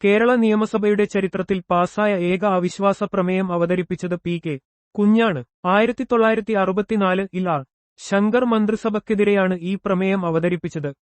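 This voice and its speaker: A man reading exam prep questions, each followed by its answer and a short explanation, in a steady recited pattern. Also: high voice, moderate pace, no room sound. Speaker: exam coach.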